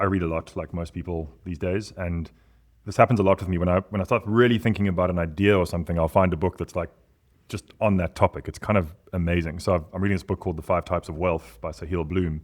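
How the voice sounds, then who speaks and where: Guy, 40s, podcast guest, lowish voice, gets really animated and punchy. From South Africa. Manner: animated and emphatic, big pitch swings. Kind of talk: casual podcast conversation.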